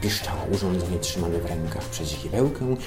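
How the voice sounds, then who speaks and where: Mężczyzna czytający satyryczną opowieść. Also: male voice, sits low, animated, a little fast, echoey room, over music. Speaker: narrator. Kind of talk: scripted satirical story narration.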